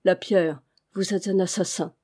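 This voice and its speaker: A young noblewoman of high birth, played by a woman reading the novel aloud. She speaks haughtily and accusingly, her voice mellow and warm. An audiobook reading. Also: fairly even intonation, a little slow. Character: proud young noblewoman, indignant and frightened.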